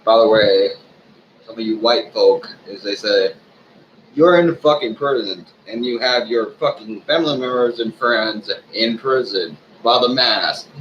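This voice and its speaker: A drunk man giving a rambling, off-the-cuff rant to his viewers, swearing often, halting and losing his thread. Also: fairly low pitch, muffled recording, slight background noise. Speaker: online ranter, video host.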